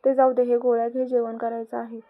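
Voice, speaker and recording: A woman's voice: fairly high pitch, monotone, a little fast, phone-quality sound, natural voice. A woman reading the lines of a stern, protective young male boss in a storybook reading, speaking in short commands. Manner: commanding, curt.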